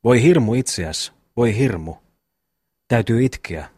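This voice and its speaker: A man reading an audiobook, voicing a pious, tearful peasant brother who pleads gently. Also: mid-range voice, lively intonation, breathy edge, dry recording, studio quality. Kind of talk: audiobook reading of a classic novel.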